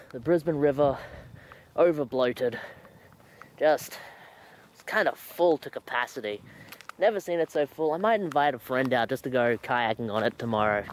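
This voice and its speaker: A man's voice: mid-range voice, slight background noise. A young Australian man chatting casually to a handheld camera, breathing heavily as he walks outdoors. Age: young adult. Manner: heavy breathing while walking. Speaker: vlogger. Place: outdoors at night, walking in a suburban riverside area. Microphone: handheld camera at arm's length.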